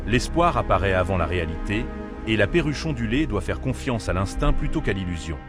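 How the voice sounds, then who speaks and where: A man's voice: fairly low pitch, sing-song, fairly quick. A man delivering scripted wildlife documentary narration in a solemn, dramatic manner. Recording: narration over prominent music. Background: music.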